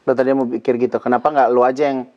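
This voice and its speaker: A man's voice: medium pitch, little pitch movement, quick pace, highs cut off. A man hosting a talk show in casual, slangy chat, often finishing his guest's thoughts.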